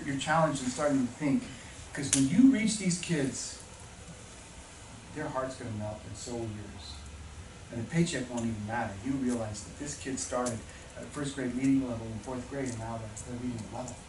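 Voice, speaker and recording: A man giving a passionate motivational talk to new teachers, telling stories and building to emphatic peaks. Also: mid-range voice. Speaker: teacher orientation speaker. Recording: echoey room, speaker far from mic, noisy.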